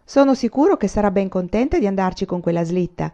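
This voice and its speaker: A woman voicing a kindly, teasing pioneer father with a beard, calm and dry in his talk, in a dull lo-fi recording. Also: mid-range voice, fast, lightly acted.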